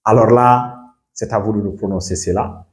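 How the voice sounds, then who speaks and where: Low-voiced man teaching patiently. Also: steady tone, moderate pace. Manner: patient, explains step by step, checks in often. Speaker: English teacher. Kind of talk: language lesson. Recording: echoey room.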